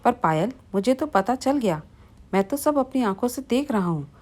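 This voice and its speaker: An angry young husband scolding his wife and defending his mother, voiced by a woman. The reading is stern and reproachful, pitched a little above her plain narration. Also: expressive, moderate pace, darkish tone. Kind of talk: storybook reading.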